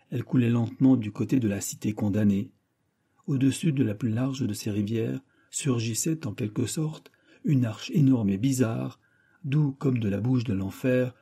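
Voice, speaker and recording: A male audiobook narrator reads a classic novel in a measured, dramatic way. His voice is very dark and mellow, with a husky edge. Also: medium pitch. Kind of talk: scripted narration.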